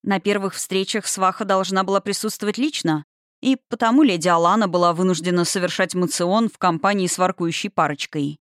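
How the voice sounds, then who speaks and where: A woman's voice: on the low side, brisk, dry recording. Woman narrating an audiobook, dry sound.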